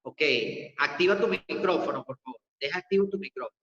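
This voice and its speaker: Male teacher, online class, slow methodical delivery, dull boomy reverb. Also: fairly bright tone. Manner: slow, methodical step-by-step explaining. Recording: echoey dull lo-fi room audio.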